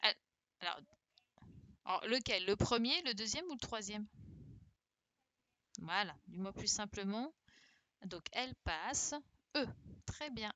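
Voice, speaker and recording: A woman's voice: mid-range voice, expressive, unhurried, pauses often, bright, forceful tone, no room sound. Woman primary teacher in a video-call class, encouraging, spells word endings letter by letter, dry close sound. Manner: patient and encouraging, often checks with "d'accord?". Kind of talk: online class, correcting exercises with pupils. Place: home, virtual classroom.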